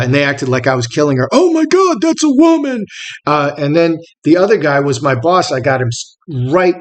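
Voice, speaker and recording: A man telling a story in a casual monologue, animated and emphatic, repeating phrases and breaking into sharp shouted bursts when he quotes people. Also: fairly high pitch. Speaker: storyteller recounting a personal fight.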